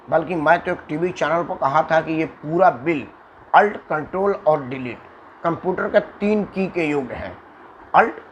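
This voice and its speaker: A man's voice: high-pitched, fairly bright tone, a little hiss or hum, low-quality recording. A man from Uttar Pradesh giving an emphatic political monologue, repeating phrases and swinging his intonation to make points. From Uttar Pradesh, India. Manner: emphatic, repetitive, demonstrates intonation with dramatic shifts. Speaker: political commentator. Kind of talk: monologue to camera.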